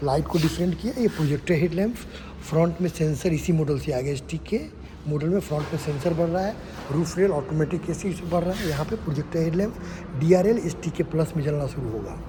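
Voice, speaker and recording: A man's voice: fairly high pitch, brisk. A man reviewing a car as he walks around it, listing features and checking in with tag questions like "right?". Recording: noisy on-location recording.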